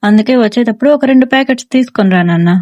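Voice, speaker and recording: A woman voicing a stern, middle-aged police officer father who scolds and shouts orders at his son, in a storybook reading. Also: on the high side, very fast, close to an everyday voice. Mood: coaxing.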